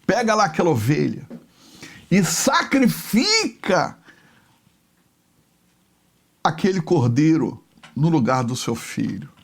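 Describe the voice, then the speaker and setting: A man's voice: fairly high pitch, very animated, slow, gravelly, pauses often, exaggerated voice. A man doing the solemn voice of God. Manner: solemn, proclaiming. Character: commanding God calling from heaven.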